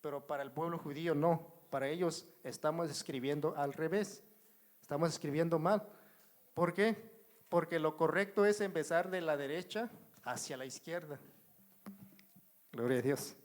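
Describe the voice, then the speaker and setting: A man with a Mexican Spanish accent teaches a slow, repetitive Bible study in a church, his voice on the high side at a moderate pace with frequent pauses. He writes on a board while explaining, repeats himself, addresses the congregation as brothers, and keeps asking whether they follow.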